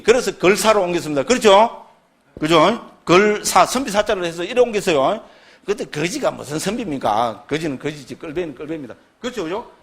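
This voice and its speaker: A man lecturing on Buddhist scripture, first reciting a text slowly and then explaining it with constant tag and rhetorical questions. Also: high voice. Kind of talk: slow recited scripture reading, then lively classroom lecture.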